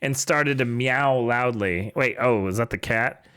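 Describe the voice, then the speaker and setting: A man's voice: mid-range voice, a little slow, fairly bright tone, clean tone. A man reading bad fan fiction aloud for laughs, breaking off for mocking, sarcastic asides. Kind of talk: comedic dramatic reading with commentary.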